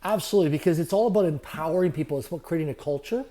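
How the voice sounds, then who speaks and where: Male podcast guest, fast delivery, warm dark tone, upbeat business talk. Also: on the high side. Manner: fast, repetitive motivational phrasing. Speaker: guest, entrepreneur. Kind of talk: podcast interview.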